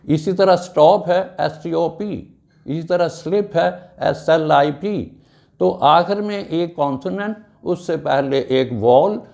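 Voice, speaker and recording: A man teaching a grammar class at a slow, measured pace. His voice is fairly high for a man and has a gravelly, creaky edge. He spells out each word letter by letter. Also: darkish tone, highs cut off. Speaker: English teacher.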